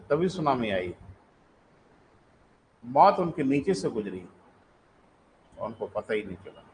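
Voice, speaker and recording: A male teacher in a live online class, his voice sitting a little high. He talks to his students in a chatty way, calling them "beta" and repeating sentences slowly for note-taking. Faint background noise runs underneath. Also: fairly bright tone, low-quality recording. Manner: explains then repeats sentences slowly for dictation; addresses students as "beta", conversational asides.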